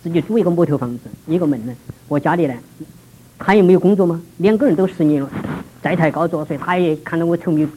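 Fast-talking man giving testimony. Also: fairly high pitch, slight background noise, poor audio. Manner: vivid storytelling with big swings between hushed and raised passages. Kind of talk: testimony sermon.

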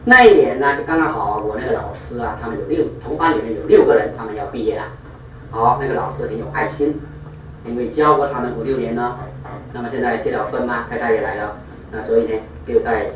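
A man preaching a storytelling sermon, animated and repeating points for emphasis, recorded in a church hall in an echoey, distant, dull way. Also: medium pitch, slight background noise.

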